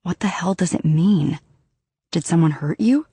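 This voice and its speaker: A woman voicing a protective, blunt young man in an audiobook, speaking quietly and low. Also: measured pace, husky, no echo, full character voice. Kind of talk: audiobook character dialogue.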